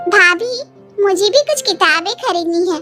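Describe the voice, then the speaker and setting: A woman doing a young college girl in a cartoon story who asks politely for a favor. The voice is very high, with soft music behind it. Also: measured pace.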